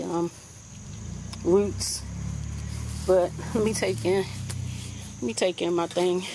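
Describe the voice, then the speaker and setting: This woman's voice is lowish and dark-toned, with a little hiss or hum in the recording. Holding her phone, the vlogger wanders from her backyard garden to her indoor plants by a window, chatting in a rambling, homey, casual way.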